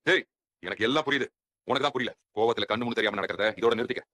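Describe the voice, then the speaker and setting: A man's voice: mid-range voice, rapid-fire, bright, forceful tone, no room sound, natural voice. An actor playing a stern elder brother scolding his family in a TV serial. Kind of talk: TV serial acting.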